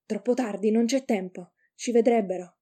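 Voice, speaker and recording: Woman doing a blunt, cocky young ringleader in a storybook reading; very dark, mellow voice. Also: fairly high pitch, moderate pace, breathy edge. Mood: brash. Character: rough young man, cocky, bold ringleader.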